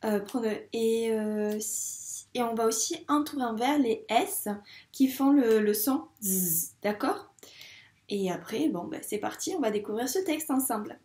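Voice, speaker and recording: Slow, patient woman teaching reading. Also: on the high side, dark tone, echoey room, distant mic. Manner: patient, slow, over-articulated sounds for children. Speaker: primary school teacher. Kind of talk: reading lesson for young children.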